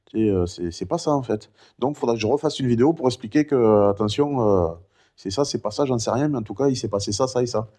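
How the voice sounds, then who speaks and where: A middle-aged man talking casually in a vlog, rambling and chatty with many fillers; one vocal cord is impaired, so he has no high head voice. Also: fast, dark tone. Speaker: vlogger recounting his cancer.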